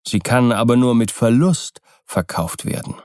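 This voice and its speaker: A man's voice: medium pitch, animated, darkish tone, no echo, studio quality, natural voice. A man voicing a sly, persuasive older seller in an audiobook reading. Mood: explaining. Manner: smooth, persuasive, measured explaining. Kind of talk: audiobook character voice.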